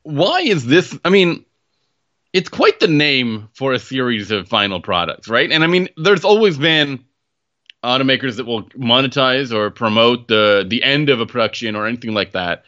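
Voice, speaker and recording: A man's voice: mid-range voice, big pitch swings, moderate pace, pushed and bright, dull audio. A man co-hosting a podcast, chatting casually and asking questions while searching for words. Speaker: podcast co-host.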